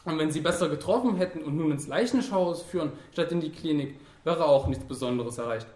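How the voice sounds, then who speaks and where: A man's voice: on the high side, brisk, darkish tone, roomy sound, lightly acted. A man doing a dry, ironic young moralist. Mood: lecturing. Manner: dry irony, lecturing.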